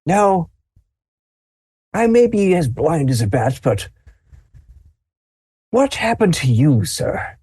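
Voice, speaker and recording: A frail, doting old grandfather, voiced by a man, in a tabletop game. His high, quavering voice drifts slowly and kindly. The sound is dry and close. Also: sing-song, darkish tone, breathy edge, no echo, exaggerated voice. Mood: puzzled. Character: kindly half-blind old grandfather, hard of hearing.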